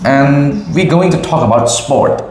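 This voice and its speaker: A woman's voice: deep voice, a little slow, noisy background. A young adult woman from Cambodia with a Khmer accent, an English teacher asking a child simple questions. She speaks patiently, repeats each answer back and praises often. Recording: echoey room.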